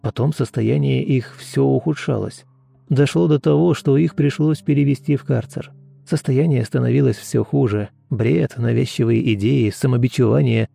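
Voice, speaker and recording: An excitable gray-haired doctor, read by a man, talks fast and eagerly yet stays precise. The voice is gravelly, very dark and mellow. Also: mid-range voice, soft background music. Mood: troubled. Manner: hurried, excited but precise speech.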